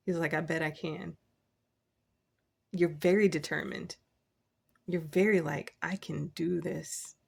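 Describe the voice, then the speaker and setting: A woman giving a casual, encouraging tarot reading from her desk, chatty and quick to laugh. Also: mid-range voice, fairly bright tone, slightly rough. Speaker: tarot reader.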